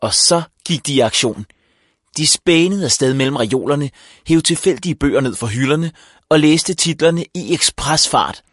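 A man reading a children's book aloud as narrator, with an even storytelling delivery. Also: a little high, dry recording, clean studio sound. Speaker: audiobook narrator.

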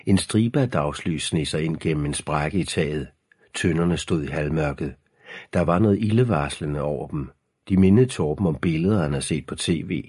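A man narrating a storybook in a very deep, husky voice, measured and ominous. The recording is dry and close, with no room sound. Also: darkish tone, dry recording. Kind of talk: scripted audiobook narration.

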